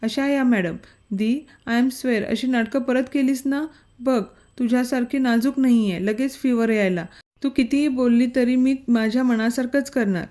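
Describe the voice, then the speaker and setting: A woman's voice: on the high side, normal speed, dark tone, natural voice. A woman voicing a cheeky, chatty young girl living in a hostel. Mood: teasing. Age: young adult. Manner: teasing, chatty.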